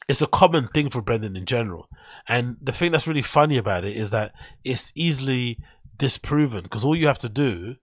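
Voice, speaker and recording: A man's voice: fairly low pitch, no echo, studio quality. A man hosting a podcast, commenting casually and skeptically while reading through posts and an article on screen, rambling and correcting himself as he goes. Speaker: podcast host. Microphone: studio mic on boom.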